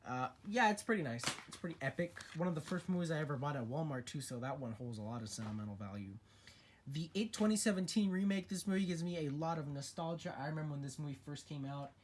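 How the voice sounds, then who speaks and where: A man's voice: a little high, a little hiss or hum. A young man in a casual vlog, talking through his horror movie collection in an opinionated, chatty way with frequent restarts.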